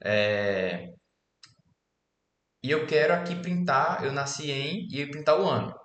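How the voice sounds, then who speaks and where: A man's voice: a little high, slow pace. A man in his twenties from Alagoas, Brazil, casually explaining code in a screen-recorded programming lesson and checking in often with his students. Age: 20s. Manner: casual, relaxed explaining with frequent "beleza?" check-ins. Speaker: programming instructor. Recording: echoey room with faint keyboard typing.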